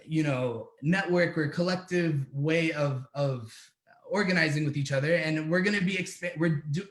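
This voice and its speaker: A man's voice: a little high, echoey room. A man from the United States, an activist organizer speaking earnestly on a panel, with many restarts and fillers. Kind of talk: casual panel talk.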